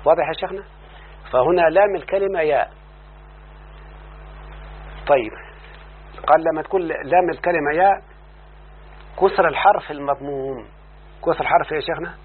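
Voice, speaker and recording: A man's voice: fairly high pitch, breathy edge. A man with an Egyptian accent teaching Arabic morphology, often asking his student if he follows and stretching out word forms as he says them. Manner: repeats word forms slowly and drawn out. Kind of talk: explaining a classical text to a student. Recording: tinny phone-like line with faint hum.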